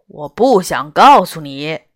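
A woman voicing a grumpy, fierce male tiger-like beast in a storybook, speaking in a gruff, curt and irritable way. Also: on the low side, very animated, slow pace, dry recording, studio quality. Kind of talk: storybook character voice.

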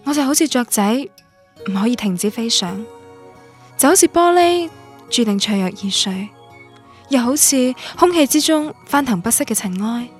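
Over faint music, a Guangdong actress with a Cantonese accent voices a romantic, headstrong young woman telling her love story through introspective first-person narration and dialogue in a radio drama. Her voice is on the high side and close to everyday speech, lively in intonation at a normal speed, with a tender, longing feel.

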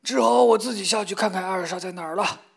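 A woman's voice: medium pitch, fast talker, gravelly, breathy edge, voice pushed up. A woman voicing a middle-aged father in a storybook tale, speaking plainly and directly.

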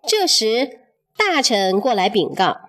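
A woman narrating a children's story in an expressive, measured storytelling manner. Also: a little high.

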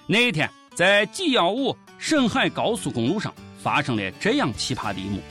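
A satirical news show host with a Shaanxi accent delivers mocking, colloquial, sarcastic comic commentary in a slightly high, bright, forceful voice. His pitch swings widely at a moderate pace, with faint music in the background.

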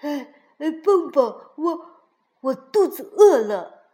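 A woman voicing a clumsy, eager young male frog in a storybook, with loud, excitable exclamations. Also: high voice, slow, exaggerated voice. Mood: excited.

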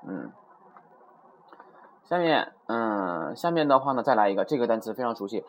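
A man gives a casual, chatty beginner Japanese lesson. His pitch moves a lot, and he keeps dropping in little tag questions. A faint hiss of noise sits under the recording. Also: big pitch swings, normal speed. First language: Chinese. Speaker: Japanese teacher.

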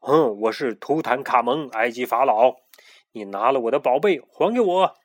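男人演的怒气冲冲的法老幽灵. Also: male voice, mid-range voice, expressive, moderate pace, lightly acted. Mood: stern, angry. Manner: loud, stern, commanding. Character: angry ghostly male Egyptian pharaoh, stern.

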